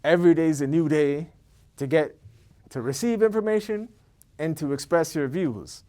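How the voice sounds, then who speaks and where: A man's voice: a little high, moderate pace, mellow. A man in his thirties from Ethiopia, talking casually to camera to promote a networking event. He rambles, repeats himself and keeps checking in with "okay?". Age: 30s. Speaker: event organizer.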